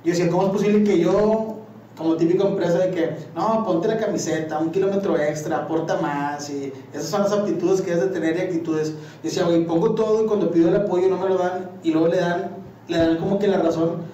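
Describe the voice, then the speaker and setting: A man's voice: high-pitched, fairly even intonation, fast, mellow, muffled recording, a little hiss or hum. A young man with a Mexican Spanish accent, telling a rambling personal story in casual chat, slangy and full of fillers. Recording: echoey room, far from mic.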